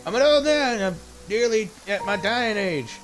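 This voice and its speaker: Creaky cranky codger voiced by a man, high and wobbly, game music behind. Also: expressive, normal speed. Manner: cranky, complaining. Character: frail grumpy old man, jittery.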